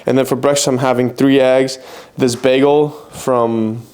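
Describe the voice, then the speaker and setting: A man's voice: mid-range voice, level tone, measured pace, a little mellow. A man talking casually to camera as a fitness vlogger at home, rambling with fillers and self-corrections. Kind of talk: casual vlog chat.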